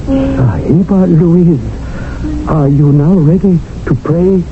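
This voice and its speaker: The narrator is an actor playing a sly, scheming male servant, his voice on the high side, sing-song and slow. He performs in the ornate, theatrical manner of a 1970s radio drama with wry flair. The audio resembles a tinny vintage radio broadcast with music.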